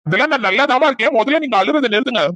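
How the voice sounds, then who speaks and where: A woman's voice: sits high, animated, very noisy. A woman voicing a cheerful young man just home from abroad, reassuring his family. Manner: warm, reassuring, quick.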